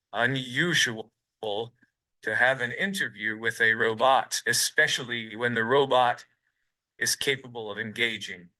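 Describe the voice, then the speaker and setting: Synthetic male robot voice, very bright and tense, stiff and formal delivery in an interview. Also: medium pitch, rough recording. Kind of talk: stiff scripted answers.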